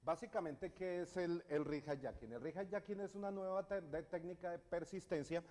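A middle-aged man with a Colombian Spanish accent and a high, slightly mellow voice delivers a technical conference talk at a moderate pace. He stumbles through fillers and restarts, and the audio carries reverb from the university lecture hall where an audience listens.

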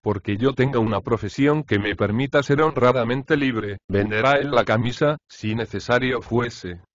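A man narrating an audiobook, reading letters from a novel in an expressive, measured first-person way. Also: medium pitch, crowd noise. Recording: slightly dull, lo-fi dry recording.

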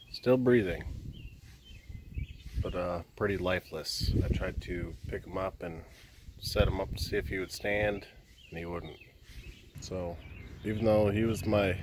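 A man in his thirties vlogging outdoors in a rural backyard, talking in a subdued, halting way with frequent pauses, into a phone held at arm's length. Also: low voice, noisy background. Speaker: homestead vlogger. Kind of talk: casual vlog talk. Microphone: phone camera held at arm's length.

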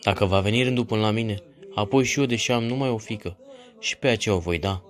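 Man reading a sad old king, low and quiet, resigned. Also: natural voice. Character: grieving pagan king, older man.

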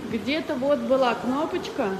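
Excitable vlogging mother at an indoor pool, phone-camera sound, echoey hall, loud noise. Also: high voice, a little slow. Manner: chatty, excited, exclaiming. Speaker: mother filming a family vlog. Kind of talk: casual vlog narration. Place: large indoor swimming pool. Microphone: handheld phone camera.

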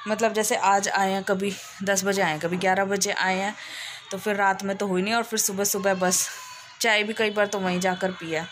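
A woman's voice: mid-range voice, a bit bright, slight background noise. A woman narrating her day in a casual home vlog, telling it in a chatty, rambling way. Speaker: vlogger.

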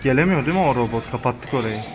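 A Turkish man in his twenties hosts a gaming channel, giving let's play commentary in a medium-pitched, expressive, rapid-fire voice. He's jumpy, swears a lot and lets out frightened outbursts.

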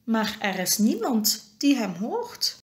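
Slow, lively woman reading to kids. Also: a little high. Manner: expressive, animated storytelling. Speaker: children's story reader. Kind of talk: reading a picture book aloud.

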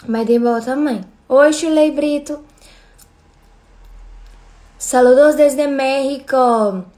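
A woman's voice: sits high, slow, mellow. A woman in her thirties with a Brazilian accent, chatting casually on a livestream and thanking viewers by name. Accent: Brazilian Portuguese. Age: 30s. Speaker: livestream host.

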